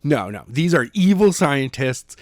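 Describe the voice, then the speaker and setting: Very animated yet a little slow, this medium-pitched man co-hosts a podcast, chatting about a story's novel chapter with sarcasm and occasional swearing. The studio audio is clean, with no room sound.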